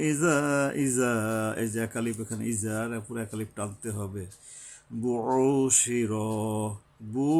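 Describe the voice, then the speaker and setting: A man leads a recitation lesson at an unhurried, slow pace. He stretches each chanted Arabic phrase out long, then breaks off to explain pronunciation with earnest emphasis. His voice sits in a middling pitch. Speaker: Quran recitation teacher.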